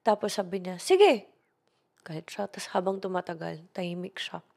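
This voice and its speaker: A woman's voice: on the low side, little pitch movement, fairly quick, creaky, darkish tone. A young Filipino woman with a Filipino accent, a content creator telling a personal story in casual chat and mixing in English. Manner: chatty Taglish storytelling, addresses viewer as best friend.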